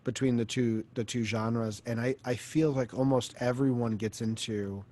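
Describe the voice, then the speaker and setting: A man's voice: mid-range voice, fairly even intonation, normal speed, mellow. A man hosting an interview, asking long, winding questions in a casual, chatty way. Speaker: podcast host.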